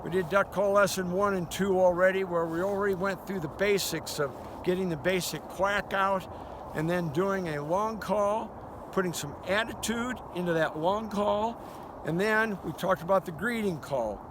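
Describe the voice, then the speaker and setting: Older man, raised pitch, folksy instructor, casual outdoor lesson, noisy open-air recording. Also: moderate pace. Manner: folksy, conversational. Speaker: duck calling instructor. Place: outdoors by a river. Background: outdoor noise, duck call quacks.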